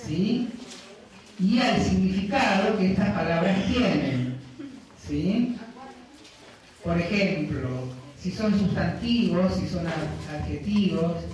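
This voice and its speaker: A man giving a university lecture, explaining step by step and often checking in with his students. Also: high voice. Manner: explanatory, keeps checking in with the class. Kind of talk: classroom lecture. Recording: very echoey room, distant mic.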